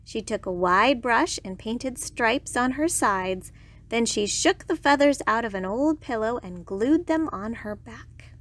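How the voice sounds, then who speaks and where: A woman storyteller reading a children's bedtime story with lively, expressive narration. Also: fairly high pitch, unhurried.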